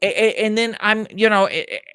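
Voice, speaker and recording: An American podcast guest with a high voice for a man tells stories in an enthusiastic interview, emphatic and animated, often restarting his sentences. He talks briskly and smoothly in a studio-quality recording with no echo.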